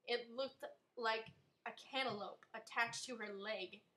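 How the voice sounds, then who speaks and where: A woman's voice: on the high side, fairly even intonation, unhurried, pushed and bright, low-quality recording. A woman reading her own story aloud in a wry, amused way.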